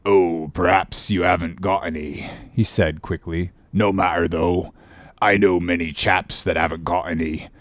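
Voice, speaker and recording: An actor playing a ragged, ominous old sailor who talks in cryptic warnings and sometimes bursts out shouting. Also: male voice, sits low, fairly even intonation, measured pace, dry recording. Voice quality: gravelly, growling. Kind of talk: audiobook drama acting.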